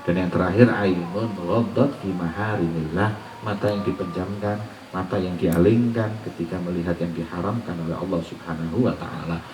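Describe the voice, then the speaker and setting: A man's voice: sits low, steady tone, moderate pace, darkish tone, recorded from a distance, a little hiss or hum. A man giving an Islamic sermon, quoting Arabic recitations and asking the listeners rhetorical questions. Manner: mixes Arabic recitation with colloquial teaching, asks rhetorical questions. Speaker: preacher. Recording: roomy echo, voice off-mic.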